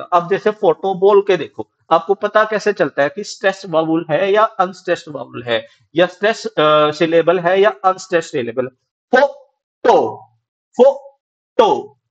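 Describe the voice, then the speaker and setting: Haryanvi guy teaching exam prep, high voice, kinda dull lo-fi sound, asks then answers his own qs. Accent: Haryanvi Hindi. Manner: explains in Hindi mixed with English terms, asks and answers his own questions. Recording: dull lo-fi recording.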